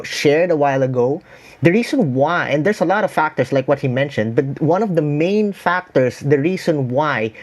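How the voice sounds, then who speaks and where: A man's voice: fairly high pitch, darkish tone. A man with a Filipino accent, speaking as a consultant in an explanatory interview style, building points through repetition and lists. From Philippines. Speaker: branding consultant.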